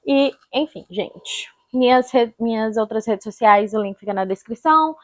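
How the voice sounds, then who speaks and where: A woman's voice: on the high side, animated, moderate pace, dry recording. A Brazilian woman chatting casually as a book vlogger, informal and rambling, often correcting herself. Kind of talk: casual chatty reading vlog.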